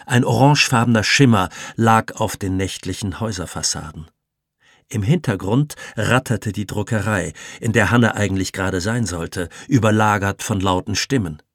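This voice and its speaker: A man reading an audiobook as narrator, calm and measured. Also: lowish voice, no room sound, clean studio sound. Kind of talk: scripted narration.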